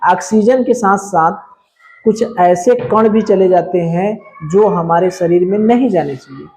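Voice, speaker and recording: A man's voice: sits high, unhurried, a little mellow, a little hiss or hum. A male science teacher, explaining a school lesson in a homely, colloquial way and asking questions he answers himself. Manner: asks rhetorical questions and answers them himself.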